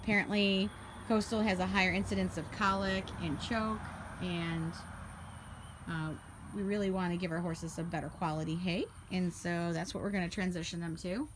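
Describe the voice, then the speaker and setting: A woman's voice: on the low side, steady tone, normal speed. Chatty woman showing off her horse barn, phone recording, lots of background noise. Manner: chatty, laughs often, lists items as she goes. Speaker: horse owner giving a barn tour. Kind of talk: casual walkthrough narration. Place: horse barn, paddock and tack room, in and out of doors. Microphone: handheld phone camera.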